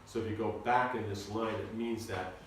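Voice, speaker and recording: A man teaching a seminar on scripture, talking in a halting, informal way and often repeating his words. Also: on the low side, steady tone, slight background noise. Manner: halting, repeats words, asks the audience to follow. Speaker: spiritual teacher giving a seminar lecture. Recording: echoey room, recorded from a distance.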